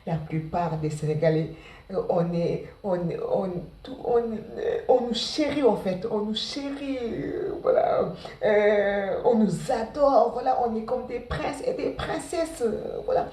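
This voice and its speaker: A woman in her forties with a Senegalese accent, talking fast and casually to students about her studies, repeating words and leaning on fillers. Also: medium pitch, dark tone, far from the mic. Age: 40s. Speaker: care assistant sharing her study path. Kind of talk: casual spoken testimony to students. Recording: roomy sound, from off the mic.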